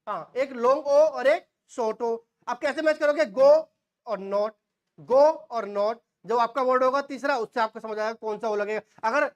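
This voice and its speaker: A man in his forties teaching shorthand, quizzing the class and answering his own questions, with folksy asides. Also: very high-pitched. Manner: homely asides and jokes. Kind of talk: classroom lecture.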